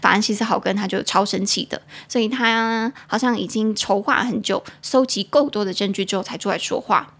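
A woman's voice: medium pitch, a bit bright. Chatty woman teaching English. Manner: chatty, spells words out slowly letter by letter. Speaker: podcast host teaching English. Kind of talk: casual podcast English lesson.

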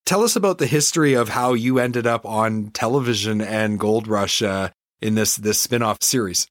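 A man's voice: lowish voice, moderate pace, no room sound, clean studio sound. A man hosting an interview show, speaking conversationally as he puts questions and addresses his audience. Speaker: show host.

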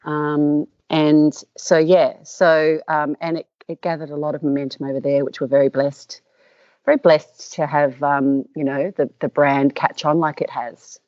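A woman's voice: low-pitched, little pitch movement, a little slow, a little mellow, dry recording. A middle-aged Australian woman, a company co-founder telling her story in an interview, rambling with many fillers and restarts. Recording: dull lo-fi sound.

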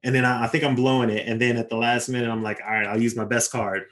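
A young man, a touring basketball player, telling lively anecdotes in a casual interview with quick asides. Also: medium pitch.

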